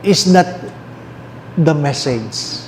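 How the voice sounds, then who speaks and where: Filipino priest guy preaching, slightly high voice, roomy echo, faint hum behind. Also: expressive. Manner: mixes English and Tagalog, asks the listeners questions; repeats key phrases slowly. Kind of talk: sermon.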